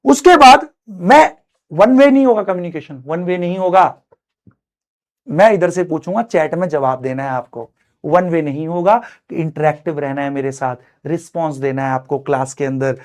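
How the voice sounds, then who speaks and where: Middle-aged man, online chemistry teacher; fatherly, lively, alternates loud urging with quiet heartfelt advice. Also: fairly high pitch, moderate pace. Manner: animated and fatherly, swings between loud exhortation and quiet earnest advice; mixes English phrases into his speech, calls students son. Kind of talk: live online lecture pep talk.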